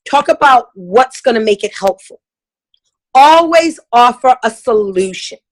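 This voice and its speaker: A middle-aged woman coaching on sales in a chatty, emphatic way, her voice sitting a little high. She talks straight to her listeners and now and then slips into customer voices to make a point. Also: fairly bright tone, poor audio. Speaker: sales trainer. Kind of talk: casual instructional talk.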